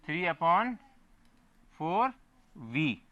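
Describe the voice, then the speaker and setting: A man's voice: on the high side, very animated, extremely slow, bright, forceful tone, highs cut off. A man teaching a physics class, explaining step by step and often asking his students whether they follow. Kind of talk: classroom lecture.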